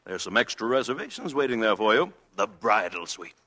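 An actor playing a generous, fatherly old judge in a 1940s radio drama, booming and jovial. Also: sing-song, brisk, bright, forceful tone, exaggerated voice.

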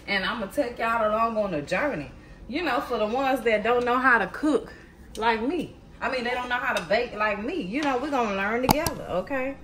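Against a noisy background, a woman in her thirties speaks animatedly at a moderate pace in a voice on the high side. Hosting a casual cooking channel from her home kitchen, she talks chattily and directly to viewers, calling them y'all and baby.

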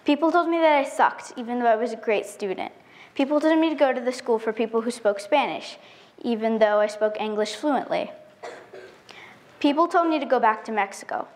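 A teenage girl delivers a prepared talk from an auditorium stage. Her voice sits slightly high and her delivery is careful and earnest. She is picked up by a stage mic at some distance. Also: brisk, a little mellow. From United States. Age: teen. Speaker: student speaker.

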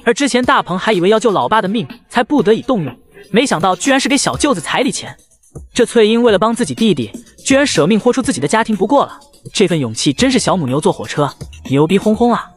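A man's voice: high voice, sing-song, fast talker, soft background music. A man narrating a recap of a short drama, full of mocking quips and jokes. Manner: mocking, quipping asides. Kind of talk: joking recap narration over clips.

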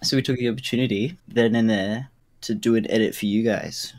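A man's voice: on the low side, fairly even intonation, fairly quick. A man presenting his entry to an online talent show, enthusiastic in casual chat. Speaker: contestant.

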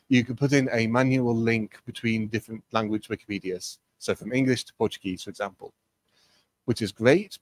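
Man explaining software in a dry room. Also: medium pitch, no room sound. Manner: explanatory, conversational with frequent fillers. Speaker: webinar presenter. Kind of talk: technical training presentation.

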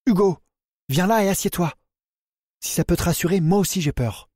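A man voicing a fierce young woman who shouts orders at a frightened group. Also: on the low side, normal speed, breathy edge, no room sound, clean studio sound, voice pushed up. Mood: commanding. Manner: shouting commands, then firm.

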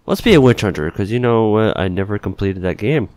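Animated man commentating on a game. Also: fairly low pitch, brisk. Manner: informal, thinking aloud while playing. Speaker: gaming video host. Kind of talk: casual gameplay commentary.

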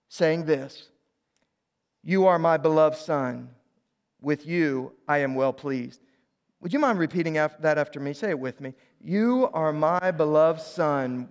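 A pastor preaches to his congregation, his voice sitting high for a man. He talks in an interactive way, breaking off and restarting phrases. He calls on the room to repeat lines after him. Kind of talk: sermon. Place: church sanctuary.

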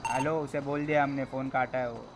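A man's voice: medium pitch, fairly even intonation, very noisy. A man streaming a gangster roleplay, barking repeated orders at a hostage and his crew. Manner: commanding, repeats orders rapidly.

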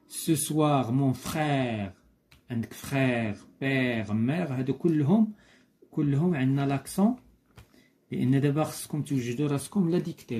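A man with a Moroccan Arabic accent teaching a school lesson, patiently repeating key points and reading examples slowly. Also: medium pitch, warm tone.

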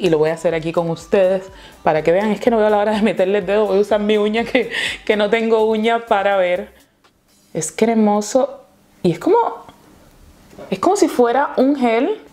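A woman's voice: mid-range voice, a little mellow. A woman with a Chilean accent, chatting casually and gushing as she tries out eyeshadows in a makeup tutorial. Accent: Chilean Spanish. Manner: chatty, gushing over products. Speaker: beauty vlogger.

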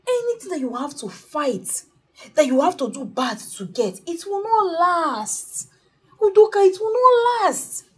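A woman's voice: high-pitched, very animated, moderate pace, darkish tone, breathy edge, heavily acted, poor audio. A pleading, emotional young woman. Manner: pleading, emotional, repeats herself. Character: anxious, moralizing young woman scolding a friend. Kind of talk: Nollywood film acting. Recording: film soundtrack with music underneath.

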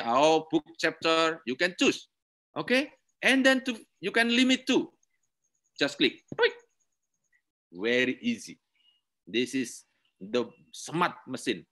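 A man with an Indonesian accent, his bright voice sitting a little high, teaches a university webinar tutorial through screen-share demonstration. Slow and repetitive, he uses simple non-native English and keeps saying "okay."

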